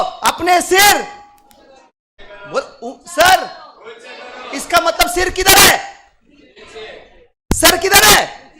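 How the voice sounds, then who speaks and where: A man preaching a sermon at a night prayer meeting, repeating phrases and swinging from quiet murmurs to loud shouts as he calls out to the congregation. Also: high-pitched, noisy background. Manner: repetitive, call-and-response with the congregation. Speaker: pastor. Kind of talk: Hindi sermon.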